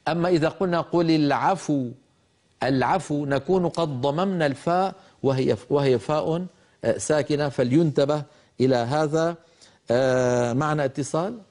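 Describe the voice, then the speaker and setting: An older man teaching Quran recitation, explaining pronunciation rules in a measured manner and demonstrating each word. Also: a little high, a little mellow. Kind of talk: slow melodic Quran recitation and tajweed instruction.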